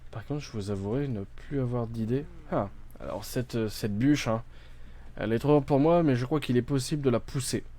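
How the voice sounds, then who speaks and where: A man's voice: mid-range voice, moderate pace, mellow. A man playing a video game on stream, thinking aloud with many fillers and restarts, reading game text out and translating it. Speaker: gaming streamer. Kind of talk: casual let's-play commentary.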